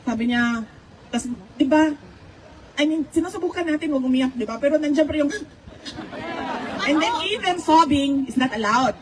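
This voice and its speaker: A woman's voice: sits high, normal speed, long pauses, some chatter behind, slight background noise, low-quality recording. A middle-aged woman with a Filipino accent, telling family stories in a conversational way, switching between Tagalog and English and laughing often. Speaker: speaker recounting family stories. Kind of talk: conversational storytelling.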